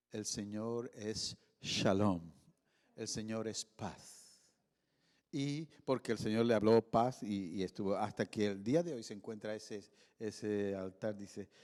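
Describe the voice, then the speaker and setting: A man with a Spanish accent preaching a sermon, swinging from raised emphatic lines to quiet hushed ones. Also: lowish voice. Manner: animated preaching, voice rising and dropping to a hush. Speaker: pastor. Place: church hall. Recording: long church reverb.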